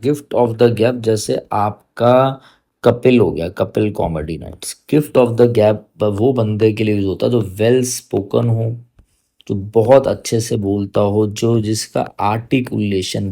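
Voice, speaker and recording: Indian English male tutor, thirties, low-pitched and unhurried, spells and repeats words for exam students. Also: vocal fry, warm tone. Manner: explains slowly, spells words out letter by letter and repeats phrases; mixes Hindi and English, checks in with "theek hai". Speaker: English vocabulary teacher. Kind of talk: exam-prep vocabulary lesson.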